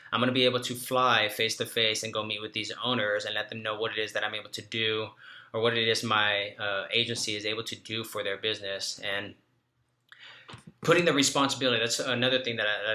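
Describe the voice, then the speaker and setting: A man from Los Angeles County rambling casually to camera about his marketing work, often correcting himself and clearing his throat. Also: fairly low pitch, pushed and bright, roomy sound. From Los Angeles County, California. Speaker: marketing agency owner. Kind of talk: casual vlog talk to camera.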